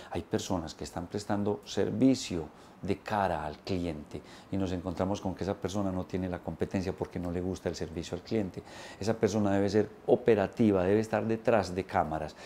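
Low, dark-voiced man coaching on camera. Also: a little hiss or hum. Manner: emphatic, gesturing with both hands, listing points. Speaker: business coach. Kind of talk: instructional talk to camera. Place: indoor studio set. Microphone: lapel mic.

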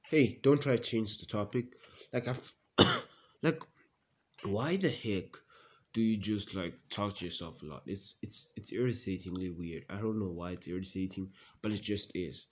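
A man plays a mocking young brother who nags and teases in a home comedy sketch. He pushes his voice up a little higher and louder as he jabs. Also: normal speed, natural voice. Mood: nagging. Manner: teasing, mocking, keeps raising his voice. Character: teasing, nagging young male sibling.

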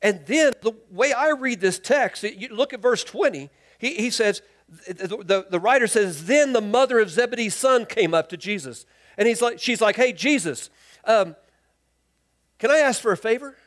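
A man preaching a sermon as pastor, acting out the people in the passage with lively voices and dropping to a quiet, earnest tone for his key points. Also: high-pitched. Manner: animated storytelling, acts out the people in the text in quick lively voices. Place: church sanctuary.

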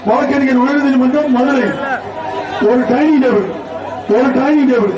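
A man announcing a live bull-taming event through a loudspeaker system, calling out prizes and warnings with rapid, repetitive cheering. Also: extremely high pitch, fairly even intonation, highs cut off. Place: outdoor bull-taming arena. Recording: echoey loudspeaker from far off, roaring crowd.

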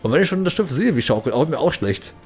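A man's voice: on the high side, very animated, fast. A man giving casual let's play commentary in a playful, rambling, chatty way. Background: game music.

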